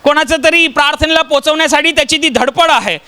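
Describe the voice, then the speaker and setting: A man's voice: extremely high pitch, fast, sharp tone. A man from Maharashtra preaching a sermon, telling stories and putting rhetorical questions to the congregation. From Maharashtra, India.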